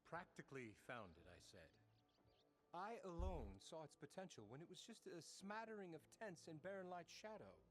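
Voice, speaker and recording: A pompous, scheming foreman, puffed up and self-important. His voice sits fairly high and swings widely as he boasts. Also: sing-song, moderate pace, faint music behind.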